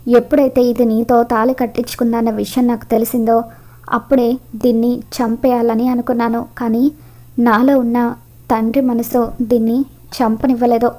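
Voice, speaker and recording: A woman reading the lines of a stern, angry middle-aged father in a flat, read-out way. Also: fairly high pitch, normal speed, close to an everyday voice.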